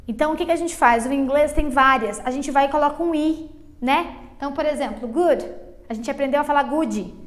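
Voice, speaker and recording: A Brazilian woman with a Brazilian Portuguese accent, an English teacher giving a beginners' lesson, explaining slowly and checking in with "ok?" and "tá?" after each point. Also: sits high. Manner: patient, drawn-out explanations full of diminutives and check-ins like "ok?".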